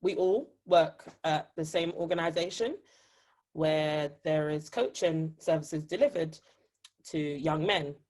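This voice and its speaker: A woman's voice: deep voice, measured pace, darkish tone. A woman hosting a podcast conversation, speaking in an upbeat, presenter-like radio voice. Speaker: podcast host.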